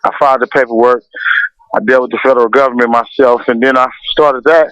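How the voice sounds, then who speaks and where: A man from Los Angeles, a music producer as guest, speaking candidly and unhurried with restarts. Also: medium pitch, fairly even intonation, a bit bright, clear, resonant tone, no room sound. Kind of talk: casual interview. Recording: dull lo-fi radio sound.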